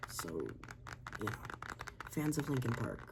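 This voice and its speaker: Casting: soft ASMR talker of unclear gender, creaky, swinging pitch, slipping into whispers, casual and sweary, over loud noise and clicks. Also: expressive, measured pace. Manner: casual, rambling, swears freely. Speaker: ASMR video creator. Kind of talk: soft-spoken ASMR show-and-tell, often dropping into whisper. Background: tapping, scratching and clicks.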